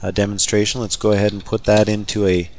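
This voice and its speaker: A man teaching a software scripting lesson over a screen recording, talking casually and thinking aloud with fillers as he types. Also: lowish voice, level tone, fast talker. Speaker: software trainer. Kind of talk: screen-recorded coding tutorial.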